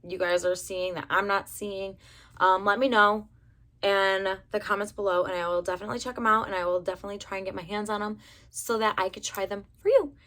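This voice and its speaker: A young adult woman from the United States with a raspy voice, rambling chattily through a casual hair color review. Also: mid-range voice, fairly quick, fairly bright tone. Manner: rambling, chatty, many fillers. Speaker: beauty vlogger.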